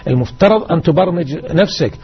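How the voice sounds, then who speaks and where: A male religious teacher exhorts his listeners and drives home key words by repeating them. His voice is gravelly and husky, a little high for a man. It comes through as a muffled radio broadcast. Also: lively intonation, fast. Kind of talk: explaining a hadith lesson.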